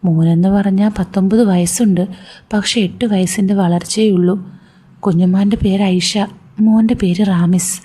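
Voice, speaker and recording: A woman telling a first-person story in a soft, intimate way. Her voice is mellow and warm, with a breathy, slightly husky texture. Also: mid-range voice, steady tone, normal speed.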